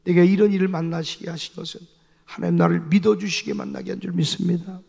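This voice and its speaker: A male pastor preaching a sermon, telling a personal story in an animated, emphatic way with lots of repeated fillers. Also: high-pitched, fast talker, vocal fry, husky, big-room sound. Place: church sanctuary.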